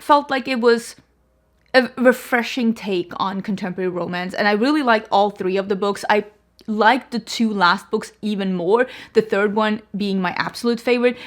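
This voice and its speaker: A young Swedish woman, a native Swedish speaker with a medium-pitched voice, reviews books casually on camera. She's chatty and full of fillers, often saying "like," restarting, and correcting herself.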